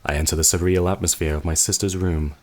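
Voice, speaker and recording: A man hosting a let's play, reading the game's narration aloud in a measured way with dry asides. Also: low voice, fairly even intonation.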